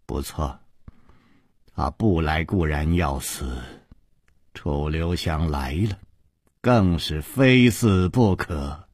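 A cold, domineering mistress of a martial sect, put on by a male storyteller. The voice sits deep and unhurried, with a husky grain, each threat laid down slowly. It is close and dry, like a storybook read aloud on radio. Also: a little mellow, dry recording, heavily acted. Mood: menacing. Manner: low, slow, menacing delivery. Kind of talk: traditional storytelling broadcast.

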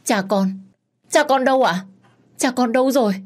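A woman's voice: mid-range voice, unhurried, darkish tone, voice pushed up, close to an everyday voice. A woman voicing a young woman who sobs and pleads in panic. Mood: desperate. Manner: crying, pleading cries.

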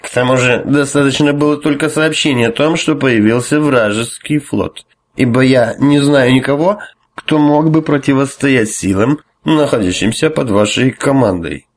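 A man voicing a drunk, arrogant high priest who drawls and hesitates. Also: moderate pace, close to an everyday voice. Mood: blustering. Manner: slurred, drawling, with hiccups and hesitations.

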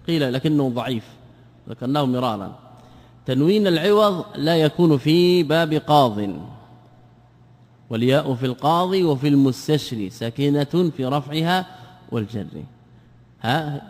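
A man's voice: mid-range voice, darkish tone. A male scholar teaching grammar in a classroom lesson, repeating words and quizzing his students with questions. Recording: long reverb of a large hall.

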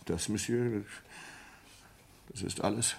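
A male actor with a lowish, husky, exaggerated voice plays a distraught sailor in a German radio play, confessing a horrifying ape killing in a dramatic monologue. He sounds horrified and subdued, halting and intense, veering from hushed to agitated. Slight background noise is present.

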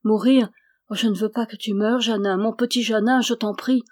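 A woman's voice: mid-range voice, steady tone, normal speed, husky, lightly acted. Woman reading as a tearful peasant girl. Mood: desperate. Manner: pleading, sobbing cries.

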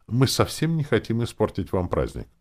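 Male reader as chatty wheedling entertainer man, exclamatory, lively pitch. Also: moderate pace. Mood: fussy. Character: fussy chatty male showman host, wheedling.

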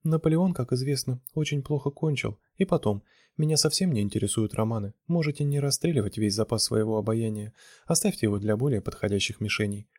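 A male reader voicing a blunt, sharp-tongued young woman with curt, prickly retorts. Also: medium pitch, fast talker, dry recording, clean studio sound, natural voice. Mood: cool dismissive.

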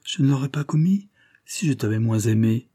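A man's voice: mid-range voice, fairly even intonation, moderate pace, dark tone, no room sound, studio quality, natural voice. A man reading an audiobook and voicing a passionate young society woman who speaks with vehemence, first pleading, then scornful.

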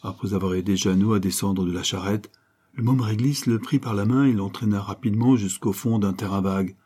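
A man reading a novel aloud in steady scripted narration. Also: fairly low pitch, brisk, husky. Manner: steady storytelling read. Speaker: audiobook reader.

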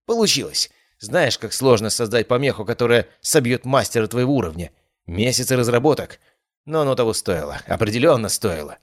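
A man voicing a cocky, thrill-seeking young masked male swordsman who is boastful and excitable. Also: mid-range voice, fairly quick, no echo, natural voice. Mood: triumphant. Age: young adult. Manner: excited, boastful, nervous in turns.

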